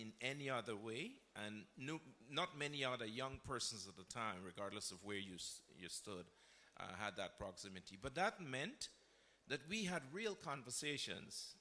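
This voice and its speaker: Bright-voiced Guyanese man recounting his diplomatic past. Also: mid-range voice. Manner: reflective, storytelling, self-correcting. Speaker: panelist, former diplomat. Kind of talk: panel discussion.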